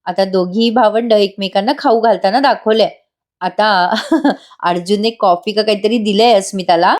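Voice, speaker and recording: A woman narrates a TV serial recap in a chatty, conversational voice-over, turning often to address her viewers. Her voice sits at a middle pitch. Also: moderate pace. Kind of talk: voice-over episode review.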